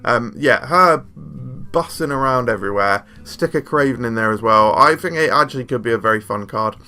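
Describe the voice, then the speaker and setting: A man's voice: mid-range voice, fairly quick, pushed and bright. A young man hosting a casual card game review, jokey and rambling, often poking fun at himself. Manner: jokey, rambling, self-deprecating. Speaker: card game video host.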